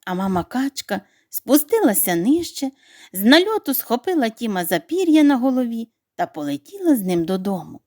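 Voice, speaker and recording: A woman narrating a children's bedtime story in an expressive, animated reading voice. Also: on the high side, normal speed, no echo, clean studio sound.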